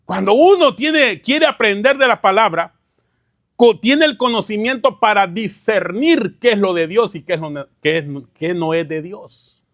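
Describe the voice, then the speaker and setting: Pastor guy preaching in church, bit high voice, keeps going "hermano?" at the crowd. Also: animated, measured pace, fairly bright tone, no room sound, studio quality. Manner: peppers lines with "hermano" and rhetorical questions. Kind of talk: teaching sermon.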